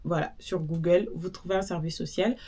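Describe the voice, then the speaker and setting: A woman's voice: fairly low pitch, moderate pace, husky. Chatty woman giving advice. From Belgium. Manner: chatty, lively, addresses viewers directly with asides. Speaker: social worker giving advice. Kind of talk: casual advice vlog.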